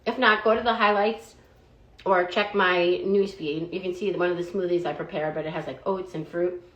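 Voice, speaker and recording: A woman's voice: fairly low pitch, steady tone, moderate pace, a bit bright, muffled recording. A woman giving a casual, chatty review of food products she likes, often padding her talk with "like" and "um". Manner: chatty, fillers of "like" and "um". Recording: roomy echo.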